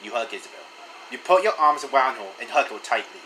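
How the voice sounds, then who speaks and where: A man casually reading a text adventure aloud, in an animated voice that stumbles and restarts now and then. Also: mid-range voice, fast talker, slight background noise, poor audio. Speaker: channel host reading a story game aloud.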